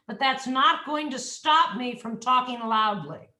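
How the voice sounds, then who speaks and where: A woman's voice: high voice, unhurried, bright, forceful tone, echoey room, poor audio. A woman speech coach giving an instructive, demonstrative lesson on voice, speaking without a microphone.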